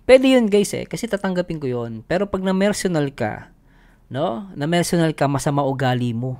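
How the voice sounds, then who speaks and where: This Filipino vlogger host chats casually with his viewers and laughs often as he talks. His voice is on the high side with a darkish tone, animated but at a moderate pace. The recording is noisy.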